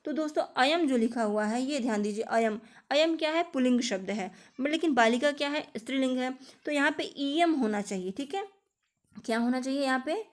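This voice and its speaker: A woman's voice: sits high, expressive, brisk. A woman teaching an exam-prep lesson, patiently repeating each answer and often calling her viewers friends. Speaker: teacher preparing students for teaching exams.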